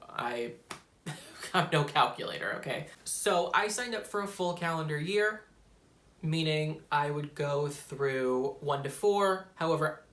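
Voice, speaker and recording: Speaking to camera in an echoey room, a young man rambles about his studies while poking fun at himself. His voice sits a little high, with a fairly bright tone, in this casual vlog.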